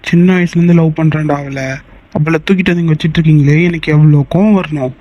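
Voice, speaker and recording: A man's voice: fairly high pitch, steady tone, fast talker, dull audio, close to an everyday voice. A man voicing a protective, hot-tempered young lover in a cartoon, defiant and emotional. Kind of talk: cartoon voice acting.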